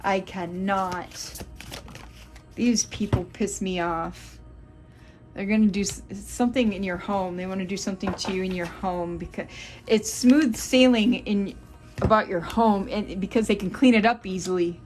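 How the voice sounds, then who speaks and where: A woman doing a tarot reading, talking slowly and pausing between cards. She gets openly fed up, muttering and swearing at the cards while faint music plays behind her. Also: medium pitch, a little mellow. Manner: exasperated, swearing, muttering asides. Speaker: tarot reader. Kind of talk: channeled tarot reading to viewers.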